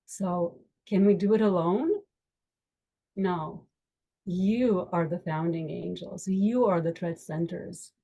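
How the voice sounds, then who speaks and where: The Romanian attorney, who also serves on an education board, talks to a virtual meetup via video call in a fairly low, steady voice that is creaky and dark with a breathy edge, captured on lo-fi audio. Earnest and uplifting, she speaks slowly and deliberately, punching out emphatic lists.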